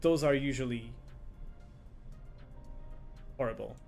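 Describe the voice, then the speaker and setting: A man's voice: medium pitch, takes it slowly, creaky, a little mellow, soft background music. A man streaming a game live, chatting casually and reacting aloud as he plays and reads chat.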